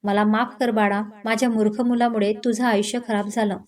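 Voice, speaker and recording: A woman's voice: medium pitch, level tone, brisk, darkish tone, natural voice. A woman voicing an older father-in-law in a read-aloud romance, firm and fatherly. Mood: tender. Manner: firm then tender, fatherly.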